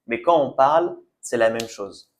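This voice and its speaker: Male language teacher, patient and repetitive, unhurried delivery, mid-pitched voice. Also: expressive, a little hiss or hum. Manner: patient, repeats and checks understanding. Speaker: French teacher. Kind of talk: language lesson video.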